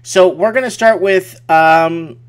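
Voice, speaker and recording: A man with a high-pitched, clean-toned voice speaks slowly while hosting a casual late-night live stream from a small home office at night. He talks emphatically, repeating words for effect.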